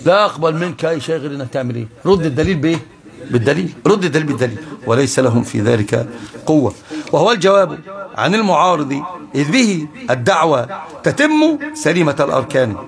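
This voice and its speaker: A man's voice: fairly high pitch, sing-song, fast, gravelly. A man with an Egyptian Arabic accent giving a heated religious lecture, mocking opponents with rhetorical questions. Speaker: Islamic preacher.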